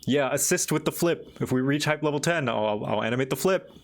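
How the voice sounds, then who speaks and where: A man hosting a livestream, chatting casually and thinking aloud in a halting, musing way. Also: mid-range voice. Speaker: livestream host.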